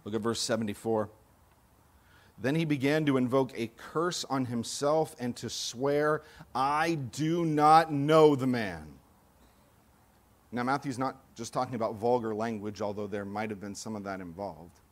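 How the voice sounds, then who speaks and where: A man preaching a sermon at a middle pitch, swinging from loud, emphatic lines to hushed, low asides. He raises his voice to act out accusers, then drops back to a quiet, sober tone. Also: normal speed. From California. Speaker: pastor.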